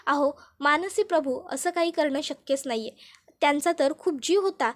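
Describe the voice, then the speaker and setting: A polite man softly pleads with the police on a friend's behalf, read by a woman narrator. His voice is high, low in volume and placating. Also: normal speed, natural voice. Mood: pleading. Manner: soft, placating.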